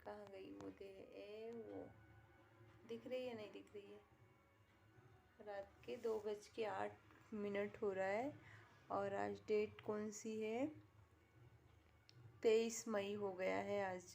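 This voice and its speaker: A woman's voice: mid-range voice, flat delivery, slow pace, creaky, pauses often, a little mellow, slight background noise. A woman filming a casual home vlog at night, cooing to a pet in doting baby talk. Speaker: vlogger.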